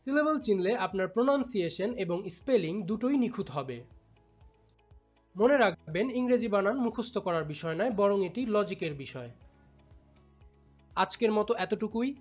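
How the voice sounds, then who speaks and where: A teacher giving a step-by-step lesson, patiently repeating words and drawing them out slowly syllable by syllable. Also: medium pitch, expressive. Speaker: English teacher. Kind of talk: step-by-step tutorial explanation. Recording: slightly dull audio with faint background music.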